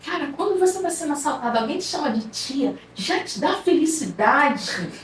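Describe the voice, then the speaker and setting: A woman with a Brazilian Portuguese accent, a podcast guest, telling a story in an animated, humorous way. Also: high voice, moderate pace. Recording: roomy echo, distant mic, faint background noise.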